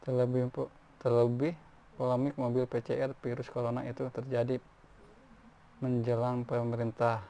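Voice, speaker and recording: A man's voice: medium pitch, monotone, normal speed, warm tone. A man reading news articles aloud, often stumbling and restarting words. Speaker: news reader. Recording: faint background noise.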